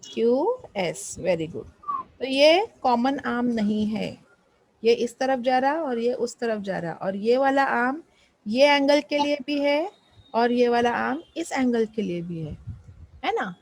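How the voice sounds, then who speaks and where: A woman's voice: fairly high pitch, expressive, slow pace, darkish tone, no echo, poor audio. A woman math teacher explaining a lesson, patiently repeating questions and prompting students to answer.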